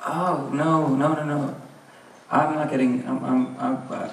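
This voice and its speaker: A man's voice: high voice, steady tone, normal speed, creaky, a little mellow, slight background noise, pitched above the performer's own voice. A man voicing a flustered young woman who stammers as she turns someone down, live on stage. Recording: live concert, roomy and distant.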